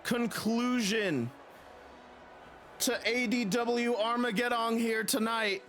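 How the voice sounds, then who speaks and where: A man doing dramatic, excited pro wrestling play-by-play in the manner of a ringside announcer. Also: very high voice, slow pace, faint music behind. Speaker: streamer and wrestling commentator.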